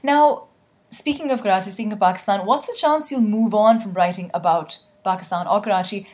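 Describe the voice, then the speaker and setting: A woman interviewing an author in casual conversation, with brisk, chatty questions. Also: medium pitch, darkish tone.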